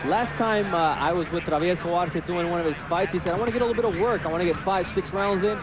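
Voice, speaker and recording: A man's voice: sits high, fast. A man giving live boxing commentary as a color analyst at ringside. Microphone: ringside broadcast microphone. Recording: clear arena noise behind ringside voice.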